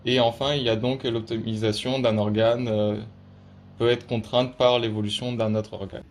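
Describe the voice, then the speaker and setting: Monotone young man presenting, halting delivery. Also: medium pitch, a little hiss or hum. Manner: halting, with very frequent drawn-out hesitations. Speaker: student presenter. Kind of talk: student presentation, reading prepared explanation.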